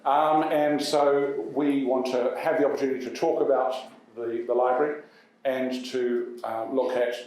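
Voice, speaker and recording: New male MC, mid pitch, stumbling delivery, distant in a big reverberant hall. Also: steady tone, darkish tone. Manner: halting, many uhs and restarts. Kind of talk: hosting an event. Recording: echoey hall from far off.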